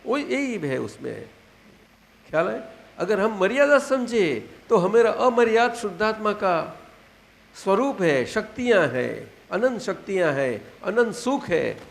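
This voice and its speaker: An elderly man in his eighties with a Gujarati accent teaches his disciples at a satsang. His voice is high and gravelly, his pitch rises and falls with lively swings, and he speaks slowly, repeating himself and asking if they follow. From Gujarat, India. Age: 80s. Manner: unhurried, repeats phrases and checks understanding. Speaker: spiritual teacher. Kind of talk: spiritual discourse to disciples. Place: satsang gathering hall.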